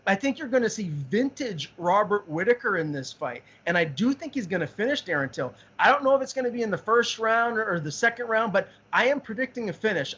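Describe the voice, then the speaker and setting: A man's voice: sits high, sharp tone, breathy edge. Man talking fights over muffled audio. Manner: enthusiastic, repeats words while thinking. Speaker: podcast co-host. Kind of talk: casual sports talk.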